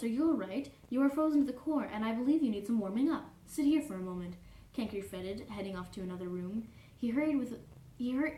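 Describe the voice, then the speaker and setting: A woman's voice: fairly high pitch, dark tone, close to an everyday voice. A woman voicing a prim, fussy young male troll who reads aloud in a pedantic, formal way, always correcting and apologizing. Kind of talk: cosplay character reading fanfiction aloud. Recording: roomy echo, distant mic, faint noise.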